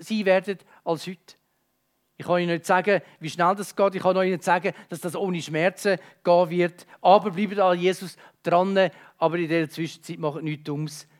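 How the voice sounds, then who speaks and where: A man preaching a sermon with an emotive, dynamic delivery that moves between urgent and hushed, speaking straight to his listeners. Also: sits high.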